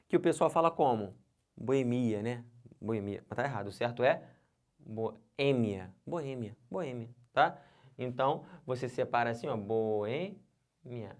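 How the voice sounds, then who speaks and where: Brazilian male teacher, middle pitch, upbeat, keeps checking that the class follows. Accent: Brazilian Portuguese. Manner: lively, talks straight to viewers with constant check-ins. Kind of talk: exam-prep lesson.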